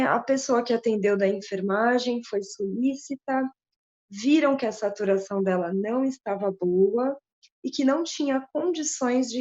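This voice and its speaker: Woman guest, higher voice, mellow tone, halting and tearful telling of a personal story, lo-fi call sound. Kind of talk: emotional personal account.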